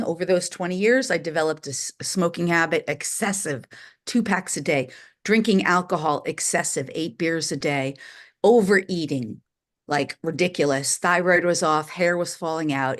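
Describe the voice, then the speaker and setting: A middle-aged woman from New York, a spiritual teacher telling her life story candidly and with animation in an interview. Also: lowish voice.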